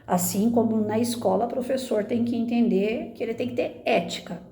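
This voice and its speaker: A woman's voice: a little high, fairly quick, gravelly, warm tone, reverberant. A woman in her fifties, a former teacher, giving earnest conversational advice on family life and often ending phrases with tag questions. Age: 50s. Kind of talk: casual spoken reflection to camera.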